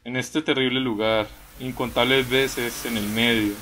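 A young male let's-play host who talks casually over his game. He bursts into loud groans and frustrated exclamations, then settles down to read the on-screen text aloud. His voice sits at an ordinary middle pitch. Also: fairly even intonation, unhurried, faint music behind. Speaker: gameplay video host.

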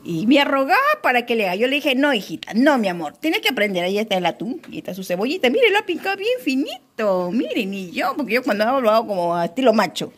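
A middle-aged woman with a Peruvian accent, talking in a brightly raised voice as she vlogs from her home. She is chatty and excitable and keeps speaking straight to her followers. The sound is a casual phone recording made among her potted plants. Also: on the high side, fast, few pauses, a little hiss or hum. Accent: Peruvian Spanish. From Peru. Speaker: vlogger. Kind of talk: casual home vlog chat.

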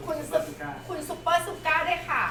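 High, rapid woman far from the mic. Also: steady tone, creaky, reverberant, background noise. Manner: polite, thanks buyers by name. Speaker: seller on a live sale. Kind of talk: live-stream sales talk.

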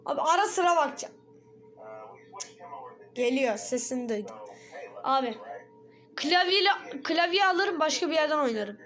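Brief: high-pitched woman, jittery horror-game let's play commentary, frequent shrieks and curses. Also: animated, moderate pace, pauses often, a bit bright. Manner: jumpy, frightened, swears and shrieks often. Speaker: gaming video creator.

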